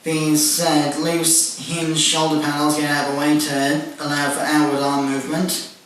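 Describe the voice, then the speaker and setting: A man's voice: a little high, monotone, a little slow, fairly bright tone. A man giving a methodical toy review, listing parts and features one by one. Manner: methodical, listing details with "and whatnot". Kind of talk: casual toy review walkthrough. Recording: very echoey room, distant mic, faint noise.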